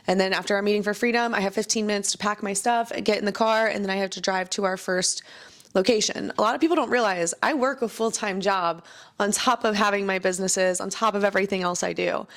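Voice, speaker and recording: A woman's voice: medium pitch, fairly even intonation, fast, a bit bright. A woman who owns businesses and coaches others, talking earnestly and motivationally in a personal vlog.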